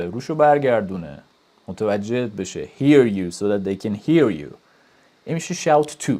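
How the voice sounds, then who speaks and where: Man, grammar teacher, casual explanations, slow careful example sentences, animated intonation. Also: mid-range voice. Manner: lively, switches between casual Persian explanation and slow, deliberate English examples. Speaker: English teacher. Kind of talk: grammar lesson.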